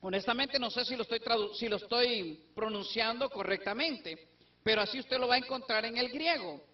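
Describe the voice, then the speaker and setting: A man's voice: very high voice, moderate pace. Man, Bible teacher, explanatory, rhetorical questions, dull lo-fi sound. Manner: explanatory, asks and answers his own questions. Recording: distant, dull lo-fi recording.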